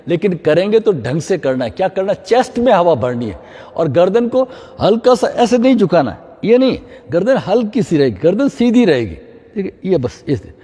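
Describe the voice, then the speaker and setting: A middle-aged man guides a yoga class, his voice high and lively as it rises and falls. The tone is mellow and a little husky. It carries a long reverb from a hall. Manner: mixes English phrases into Hindi, frequent "है ना?" check-ins. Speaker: yoga instructor.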